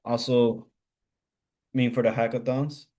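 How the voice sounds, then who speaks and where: A man's voice: medium pitch, little pitch movement, a little slow, mellow. A man mentoring at a hackathon, talking loosely with lots of filler words. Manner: loose, hesitant, many "like" fillers. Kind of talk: casual advice chat.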